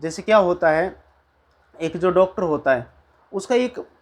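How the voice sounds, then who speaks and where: A man's voice: sits high, lively intonation, unhurried. A man teaching a class, telling doctor and patient jokes in a chatty storytelling way before a lecture on disease. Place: classroom with a board.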